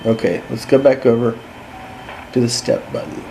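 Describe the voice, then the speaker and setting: A radio hobbyist with a mid-range, gravelly voice gives a casual, unscripted walkthrough of his gear, speaking at normal speed with a level tone. Background noise is audible, and he thinks aloud in a hesitant, self-deprecating way.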